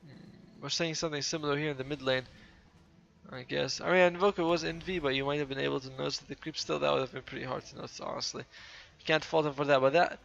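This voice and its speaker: Tired, gravelly male game commentator. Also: a little high, steady tone, fast talker, fairly bright tone, muffled recording. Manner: casual, chatty, often corrects himself mid-sentence. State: tired, yawning. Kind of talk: solo play-by-play commentary of a game replay.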